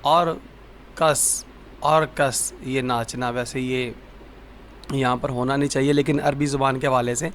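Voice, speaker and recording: A man teaching vocabulary, repeating each word slowly and asking the listener what it is called. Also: medium pitch, fairly even intonation, a bit bright, a little hiss or hum. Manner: slow, repetitive drilling of words. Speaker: Arabic teacher. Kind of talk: vocabulary lesson.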